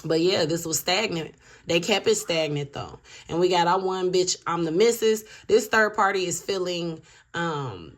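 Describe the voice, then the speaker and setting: A woman's voice: lowish voice, moderate pace. Blunt, cussing woman giving a tarot reading. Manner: blunt and profane, chatty asides to viewers. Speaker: tarot reader.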